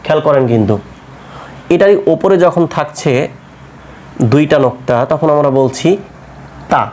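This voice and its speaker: A man's voice: fairly high pitch, a little mellow, slight background noise. Patient male teacher drilling letter sounds. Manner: repeats letter sounds slowly and often asks "right?". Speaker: Quran teacher. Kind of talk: step-by-step pronunciation lesson.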